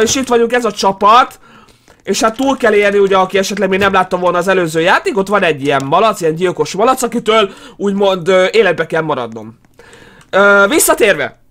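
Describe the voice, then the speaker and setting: A young man doing excitable let's play commentary as a gaming YouTuber, yelping, shrieking and laughing often. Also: high voice.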